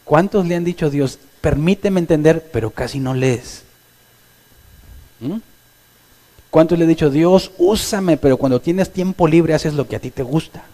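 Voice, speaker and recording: A male pastor delivering a sermon, animated, acting out quoted voices of his congregation. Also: on the high side, moderate pace, pauses often.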